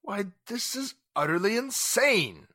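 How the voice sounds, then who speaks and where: Here an actor uses a high-pitched, bright, pushed voice, very animated yet unhurried, recorded dry and clean in a studio. His heavily acted role is a 1940s radio-drama businessman: wealthy, haughty and indignant under police questioning, speaking pompously, formally and with sarcasm.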